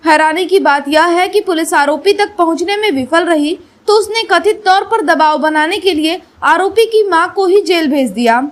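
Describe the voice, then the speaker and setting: Female news voice-over, very high pitch, formal and steady. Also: moderate pace, hardly any pauses. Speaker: news narrator.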